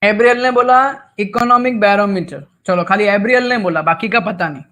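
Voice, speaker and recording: A man's voice: high-pitched, brisk, bright, forceful tone. A man teaching an online class, quizzing students and teasing them with Marathi asides. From Maharashtra. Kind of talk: live online class lecture.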